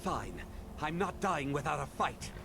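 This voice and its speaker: An animated, obsessive cultist collector. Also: male voice, on the high side, a little slow, gravelly, noisy background, exaggerated voice. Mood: panicked pleading. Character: eager, obsessive male collector and cult devotee. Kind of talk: video game voice acting. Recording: loud music behind the voice.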